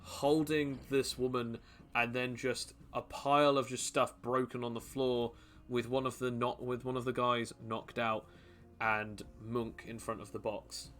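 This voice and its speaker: A man narrating as game master in a tabletop role-playing game, laughing often and slipping into quick voices for side characters. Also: medium pitch, level tone, fairly bright tone.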